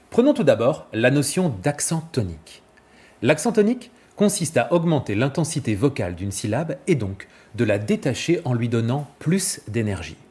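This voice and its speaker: A male vocal coach giving a clear, didactic scripted explanation and demonstrating examples. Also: medium pitch, a little mellow.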